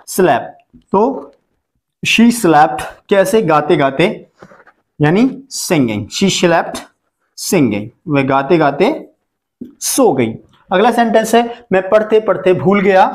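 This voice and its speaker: A man from India teaching English translation, saying each example slowly and repeating every phrase. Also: sits high, a little mellow. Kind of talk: Hindi-language English lesson.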